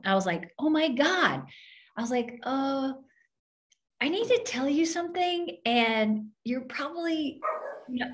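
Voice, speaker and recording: Woman, minister, storytelling, animated, acts out voices. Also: medium pitch. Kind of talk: storytelling in an open forum.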